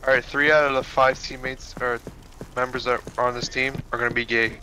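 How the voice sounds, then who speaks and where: A man with an ordinary mid-range voice, joking around in a friendly way with his teammates. He plays an online shooter. Clear gunfire and game noise sit behind him. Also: mid-range voice, little pitch movement, brisk, sharp tone, poor audio. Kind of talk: casual gaming chat.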